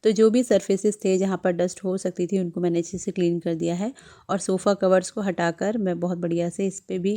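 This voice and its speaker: A woman narrating her home vlog as a voice-over in a gentle, chatty manner, giving homemaking advice to her viewers. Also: medium pitch. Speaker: homemaking vlogger.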